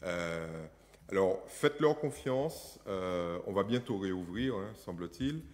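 A man's voice: deep voice, animated, slow pace, darkish tone. A man hosting a talk show, closing one segment and introducing the next with frequent fillers. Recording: long reverb.

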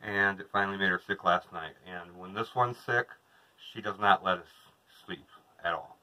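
A man's voice: low-pitched, fairly even intonation, moderate pace, sharp tone, poor audio. A man in his thirties, a vlogger, chatting casually to a camera across from him inside a small trailer. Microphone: camera a couple of metres away.

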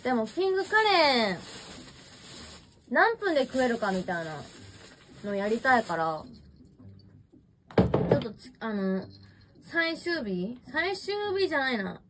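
A young woman chats on a livestream while eating at home, rambling and reacting to viewer comments. Her voice sits high and swings widely in pitch. She is picked up by a smartphone mic with faint room ambience. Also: big pitch swings, a little slow, long pauses, background noise.

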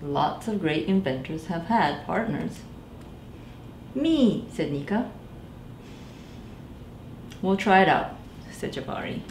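A thirty-something librarian takes it slowly and pauses often as she reads a picture book to children in a small library room. Her fairly low voice turns animated as she voices the characters and speaks right to the kids, and the recording has echo and faint background noise.

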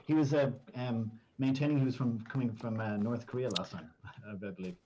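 A man's voice: mid-range voice, fairly quick, mellow, highs cut off. Easygoing man calling out game moves. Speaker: co-host. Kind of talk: casual game stream chat.

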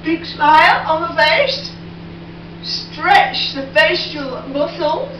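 Humming as she works, an older home vlogger casually talks through making breakfast in her kitchen, one step at a time. Her very high voice has lively intonation, and she takes her time. The recording, from a far-off camera on a tripod, is dull, noisy, and full of kitchen echo.

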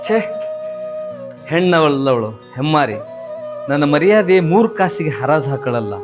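An actor from North Karnataka playing a betrayed husband who rants and spits insults, in a village comedy skit, over background music. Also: male voice, fairly high pitch, big pitch swings, unhurried. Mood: despairing. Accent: North Karnataka Kannada. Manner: ranting, spitting insults. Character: betrayed husband, bitter and self-pitying.

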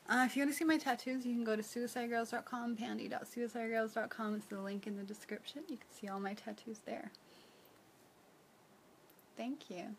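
Reading viewer comments aloud amid frequent giggles, a young woman from New Zealand hosts a casual livestream from a small room, her phone at arm's length. Her voice is a little high and creaky, with slight background noise.

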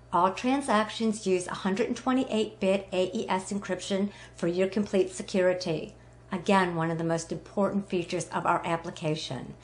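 A woman giving a bubbly, enthusiastic scripted product demo of a phone app. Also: mid-range voice. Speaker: product presenter.

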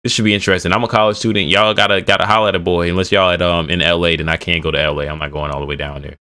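Young male streamer, twenties, slangy rambling reactor, bright tone, headset mic. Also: low-pitched, little pitch movement, very fast. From Bay Area. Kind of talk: casual reaction commentary.

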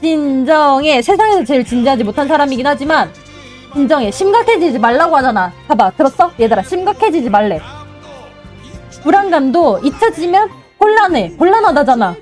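A young woman streaming a game, commentating excitedly, cheering herself on and mock-calming herself. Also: high voice, fairly quick. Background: game music.

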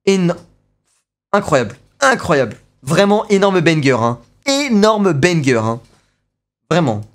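A young man streaming live and reacting to a video. He talks excitedly, with lots of slang and repeated exclamations. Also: a little high, slow.

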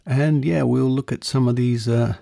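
With vocal fry and a dark, steady tone, a medium-pitched man hosts a podcast at normal speed. The semi-scripted monologue comes through a close studio condenser microphone in an acoustically treated room.

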